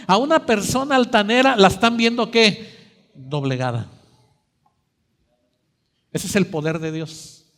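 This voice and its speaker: A man preaching a sermon, dramatic and full of rhetorical questions to the congregation, swinging between soft and loud. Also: very high voice. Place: church sanctuary. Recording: long church reverb.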